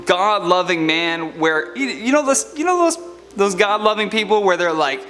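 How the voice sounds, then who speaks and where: Casting: man, high-pitched and sharp, casual online news presenter with punchy commentary delivery. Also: very animated, brisk. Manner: chatty, casual, emphatic. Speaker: online news show host. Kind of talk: upbeat presenter news commentary, reading scripted stories and viewer comments.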